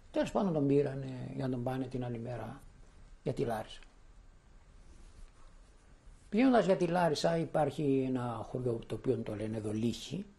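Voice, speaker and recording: A man's voice: mid-range voice, vocal fry, dark tone. An older man from Thessaloniki giving spoken testimony, telling his memories as a vivid storyteller who acts out the voices of the people he quotes. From Thessaloniki, Greece.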